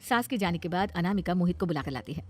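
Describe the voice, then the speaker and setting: A woman narrating a cartoon family story in a calm, scripted storybook style. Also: on the low side, fast talker, soft background music.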